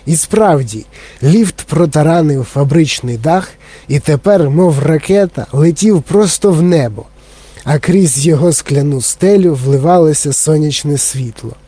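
Dark, husky male audiobook narrator. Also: fairly high pitch, measured pace, dry recording. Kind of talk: scripted narration.

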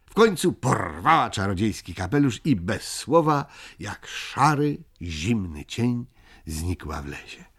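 A man narrating a children's story aloud in an expressive, unhurried way. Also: on the low side, husky. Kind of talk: audiobook reading of a children's story.

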